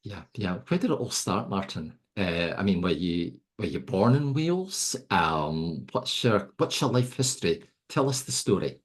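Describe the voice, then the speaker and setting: Deep, husky man in his middle years hosting a laid-back, joking podcast chat. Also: lively intonation, moderate pace, few pauses. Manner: chatty, jokey, self-mocking. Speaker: podcast host. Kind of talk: casual interview.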